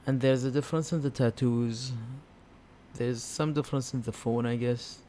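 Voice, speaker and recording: A man's voice: mid-range voice, steady tone, normal speed, dark tone. A man hosting a casual live stream, thinking aloud in a hesitant, unscripted way. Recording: clear background noise.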